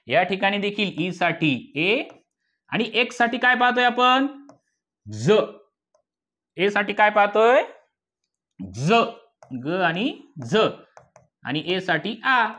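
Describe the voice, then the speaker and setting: Male teacher, Marathi accent, very slow and deliberate, spells words out letter by letter, quizzes the class and answers himself. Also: high-pitched, fairly bright tone. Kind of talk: slow phonics lesson.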